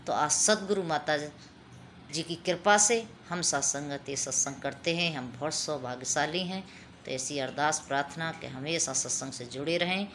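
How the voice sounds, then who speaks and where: A woman's voice: low-pitched, normal speed, a bit bright, slight background noise. A woman giving a devotional talk to a congregation, telling a religious story and addressing her listeners again and again. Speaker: satsang speaker.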